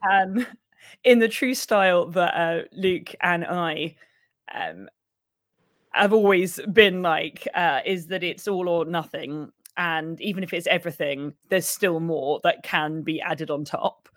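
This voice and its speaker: A young woman co-hosting a podcast, with a croaky, husky voice, chatting and laughing as she rambles. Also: lowish voice, slow, dry recording, clean studio sound. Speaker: podcast co-host. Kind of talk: casual podcast chat.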